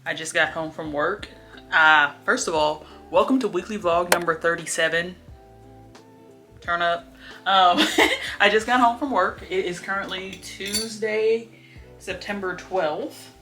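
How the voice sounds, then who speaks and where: A woman's voice: lowish voice, measured pace, pauses often, sharp tone, soft background music. A young woman, chatting casually to her camera at home, laughing often and sometimes dropping to a whisper. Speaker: vlogger.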